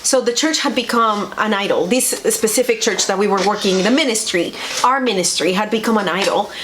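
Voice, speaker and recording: A woman from Bogota, Colombia, a native Spanish speaker, tells personal stories in an earnest, conversational way, repeating phrases for emphasis. She's a vlog co-host and pastor, speaking at medium pitch and a fairly quick pace over a noisy background.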